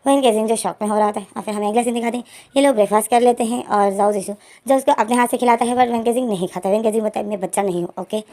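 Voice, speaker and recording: A woman casually retells a fanfiction story at a very fast clip. Her voice sits slightly high, and she chats along, repeating names and linking words as she goes. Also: steady tone, dark tone.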